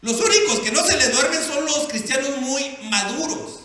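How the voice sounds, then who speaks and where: A man's voice: very high-pitched, expressive, normal speed, sharp tone. A male pastor preaching a sermon, playful and acting out the characters in his stories. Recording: echoey hall with long reverb.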